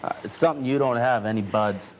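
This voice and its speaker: A man's voice: medium pitch, fast talker, slight background noise, natural voice, poor audio. Man playing a stoned surfer dude. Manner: drawling slacker talk, says dude and man. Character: stoned laid-back male surfer dude.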